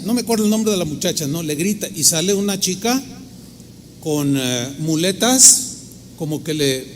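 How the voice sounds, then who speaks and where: Emphatic Mexican pastor, high voice, echoing hall. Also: male voice. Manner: emphatic, acts out quoted voices. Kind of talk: storytelling sermon. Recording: reverberant hall, faint noise.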